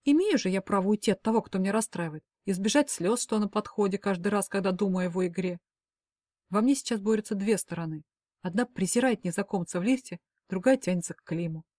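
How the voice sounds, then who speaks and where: A woman's voice: mid-range voice, quick pace, darkish tone. A woman narrating a first-person romance novel as an audiobook, with emotive, dramatic delivery. Her voice is recorded close and dry, with no room echo.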